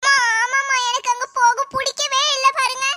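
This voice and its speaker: A woman's voice: very high-pitched, little pitch movement, a little fast, pushed and bright, a little hiss or hum. A woman with a Thoothukudi accent voicing a sulky, clingy young married daughter in a cartoon. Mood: whining. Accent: Thoothukudi Tamil. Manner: whining, pleading. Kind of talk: cartoon voice acting.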